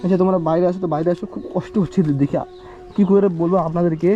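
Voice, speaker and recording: A man's voice: high voice, fairly even intonation, rapid-fire, dull audio. A man vlogging from a village, asking poor children question after question, his voice pleading and often breaking with tears. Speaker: vlogger visiting a poor family. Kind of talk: emotional on-the-spot questioning.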